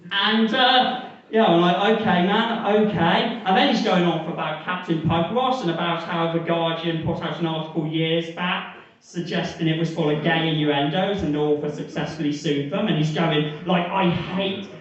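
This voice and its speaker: A man performing a crude stand-up story on a comedy club stage, telling it in a deadpan way. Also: a little high, normal speed. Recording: echoey club, mic from far off, dull sound.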